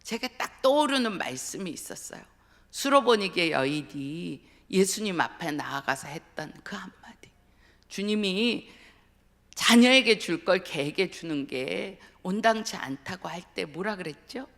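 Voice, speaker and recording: A middle-aged woman giving an earnest sermon with personal testimony, often dropping to a hushed whisper for emphasis. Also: fairly low pitch, lively intonation, unhurried, creaky. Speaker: guest speaker at a dawn revival service. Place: church sanctuary. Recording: long church hall reverb.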